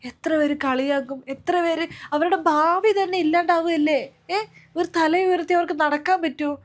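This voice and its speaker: A woman's voice: very high-pitched, fairly even intonation, moderate pace. A woman playing a middle-aged mother who wails and scolds over her son, in a web series drama. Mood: scolding. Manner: wailing, emotional lament.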